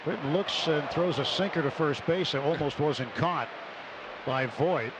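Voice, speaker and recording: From a stadium broadcast booth, a man with a fairly high voice calls live radio baseball play-by-play in measured phrases. He gives the count in short, clipped calls, with clear ballpark ambience all around.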